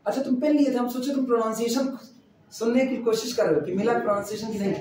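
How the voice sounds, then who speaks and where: A man's voice: extremely high pitch, steady tone, fast. Man, math teacher, chatty lecture, repeats while dictating, distant mic, faint room noise. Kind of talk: classroom lecture. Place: classroom. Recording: echoey room, mic far off.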